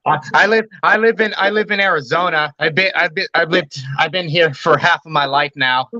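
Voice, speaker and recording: A high-pitched man from California chats casually, tripping over and repeating his words. His tone is bright and edgy. The sound is dry and a bit dull. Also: no room sound. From Bay Area, California. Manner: halting, repeats words, laughs easily. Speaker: co-host. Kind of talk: casual chat.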